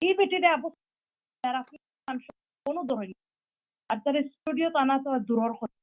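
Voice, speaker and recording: A woman's voice: high-pitched, lively intonation, a little fast, phone-quality sound. A woman, calling in over the phone to a live show and giving her opinion in a rambling, heated way. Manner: rambling, heated, restarts mid-sentence. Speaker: caller to a live call-in show. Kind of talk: impassioned call-in opinion.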